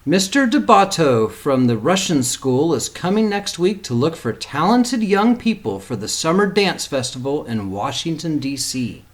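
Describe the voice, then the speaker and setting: A man's voice: fairly high pitch, sing-song, unhurried, few pauses. A man voicing a good-humoured female ballet teacher in a storybook, calling out emphatically. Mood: announcing.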